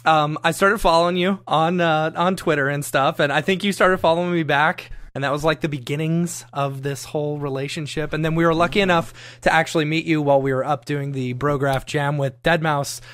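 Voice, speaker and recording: A man's voice: fairly high pitch, steady tone, brisk, hardly any pauses, a bit bright. A man hosting a podcast, chatting casually with a guest, enthusiastic and full of fillers and restarts. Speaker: podcast host. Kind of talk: casual interview chat.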